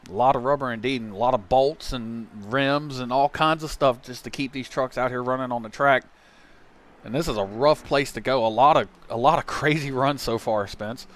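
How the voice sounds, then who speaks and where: A man doing play-by-play commentary from a booth at a motorsport event, chatty and getting excited when trucks crash. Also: mid-range voice, moderate pace. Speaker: race commentator. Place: commentary booth at a fairground track.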